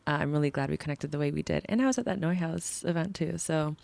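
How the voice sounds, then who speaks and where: A woman guest talking in a relaxed, reflective way with many fillers, in a casual conversation. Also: low-pitched, quick pace, creaky, dry recording. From born in the United States, raised partly in Ethiopia. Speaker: guest, film series organizer.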